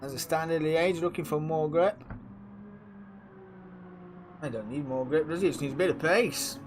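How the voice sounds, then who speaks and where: A man with a croaky, sore-throated voice, chatting casually as host of a racing league stream and talking to himself while he sets things up. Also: on the high side, normal speed, over music. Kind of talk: casual live-stream race commentary.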